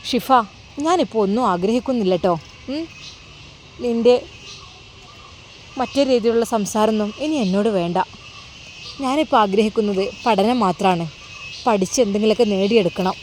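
A woman's voice: a little high, darkish tone, a little hiss or hum, lightly acted. A woman voicing a heartbroken young woman who talks in a tearful, bitter, pleading way, with faint crickets behind. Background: faint evening crickets.

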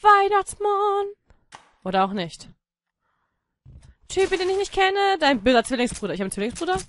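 A woman with a German accent giving playful, silly let's-play commentary, switching between mock storytelling and sudden shouts. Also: high voice, very animated, brisk. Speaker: gaming YouTuber.

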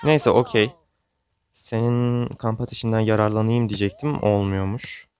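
A man's voice: lowish voice, steady tone, moderate pace, a little mellow. A young man chatting casually as he comments on his own gameplay, joking and grumbling along the way. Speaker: gaming YouTuber.

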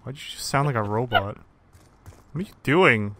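A man's voice: medium pitch, animated, normal speed, bright, forceful tone, a little hiss or hum. Exasperated young man in party chat. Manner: exasperated, laughs often, swears. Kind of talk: casual chat while gaming.

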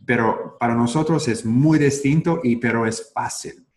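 A man teaching pronunciation to Spanish speakers, speaking slowly and repeating words for listeners to echo. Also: mid-range voice, a little mellow. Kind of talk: bilingual pronunciation lesson. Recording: roomy echo.

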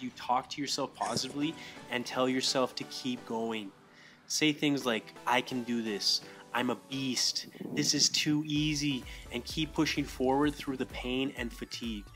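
A man giving encouraging, direct motivational advice on fitness and mindset as a soccer coach. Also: mid-range voice. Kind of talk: motivational voice-over.

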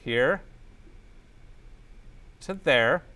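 Speaking extremely slowly, a man with a mid-range, pushed, bright voice and lively intonation lectures in an indoor classroom. He demonstrates a spreadsheet step by step, often asking brief tag questions to check that students follow.

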